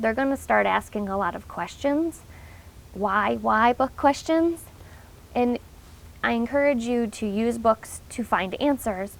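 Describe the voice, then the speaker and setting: A woman's voice: fairly high pitch, vocal fry. A woman giving an informal, instructional talk to parents, explaining things in an encouraging way.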